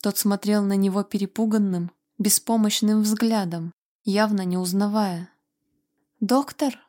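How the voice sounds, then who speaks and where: Female audiobook narrator, steady and measured, mid pitch. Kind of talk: scripted narration.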